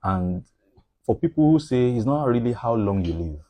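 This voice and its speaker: A man who is a medical doctor, a guest on a radio talk show, speaking in a reflective, deliberate way. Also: mid-range voice, expressive, dark tone, no room sound.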